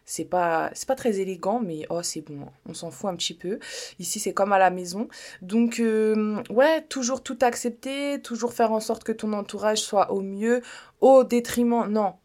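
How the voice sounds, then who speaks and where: A woman's voice: mid-range voice, normal speed, darkish tone. A woman hosting a podcast, talking in a casual, blunt and playful way, directly addressing the listener. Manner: chatty, blunt and playful, slips in joking foreign-accent bits. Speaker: podcast host. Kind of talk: casual self-help podcast monologue.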